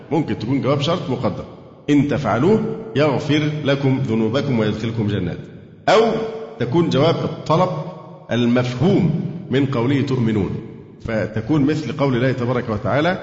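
A man with an Egyptian accent leads a Quran grammar lesson, keeps putting questions to his students and slows down to recite verses. His voice sits at an ordinary pitch. It is captured on a dull, lo-fi recording that rings with long reverb, as in a large hall. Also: darkish tone. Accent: Egyptian Arabic. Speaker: Quran teacher. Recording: echoey hall, dull lo-fi sound.

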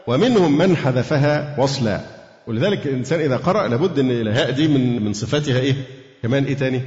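A man's voice: medium pitch, darkish tone. Egyptian man teaching in an echoey hall. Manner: asks students questions, recites verses slowly. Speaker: Quran teacher. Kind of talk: classroom Quran commentary lesson. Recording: echoey hall, dull lo-fi sound.

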